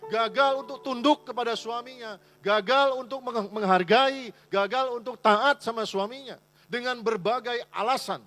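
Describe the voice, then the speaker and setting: A man's voice: very high voice, moderate pace, a bit bright, faint music behind. A male pastor preaching a sermon in a church, with an emphatic manner. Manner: emphatic preaching, voicing complaining wives in quotes.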